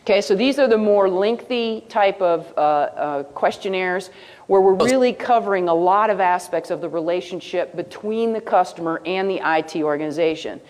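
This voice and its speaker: A woman giving a live presentation, lively and asking her audience questions as she goes. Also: lowish voice, moderate pace. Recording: long hall reverb.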